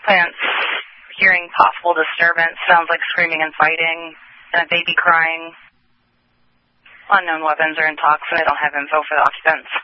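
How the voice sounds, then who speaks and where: Police radio dispatcher, raised voice. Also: male voice, a little high, level tone, no room sound. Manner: measured dispatch call-outs with codes and addresses. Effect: police radio transmission. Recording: dull, dry radio audio.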